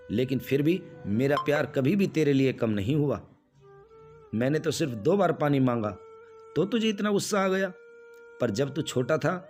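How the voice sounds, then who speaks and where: A man voicing an old mother in a spoken story, talking softly and slowly. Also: medium pitch, lightly acted. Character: old mother, patient and loving, finally stern.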